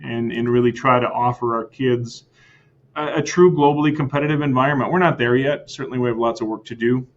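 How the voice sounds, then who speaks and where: In a podcast interview, an American school superintendent speaks a little fast with a middle-pitched voice and fairly even intonation, over slightly dull audio. He is earnest, repeats words to restate his points, and tags lines with "right?" to check in.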